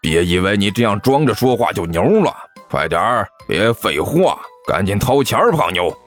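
A man's voice: fairly low pitch, sing-song, normal speed, soft background music, pitched below the performer's own voice. A man voicing a bumbling male street robber who blusters and stammers in an audiobook story. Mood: blustering. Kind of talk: storytelling character voice.

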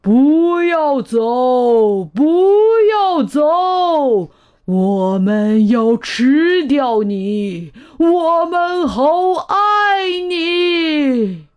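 A woman voicing a crowd of big wild monsters who wail and shout as they plead. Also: sits high, very animated, extremely slow, voice pushed up, heavily acted. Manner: wailing, shouting, drawn out.

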